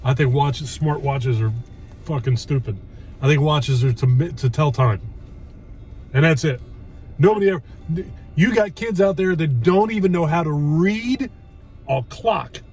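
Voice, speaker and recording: A man's voice: a little high, unhurried, darkish tone, slightly rough, faint music behind. A man in his early fifties chatting casually while eating, chewing as he talks, in a blunt, exasperated, ranting way. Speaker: host of food review vlog. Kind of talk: casual chat.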